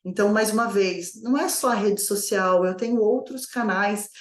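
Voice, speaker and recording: A woman's voice: mid-range voice, normal speed, reverberant. A woman coaching new business owners in a conversational lesson, asking herself many rhetorical questions. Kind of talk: online course lesson.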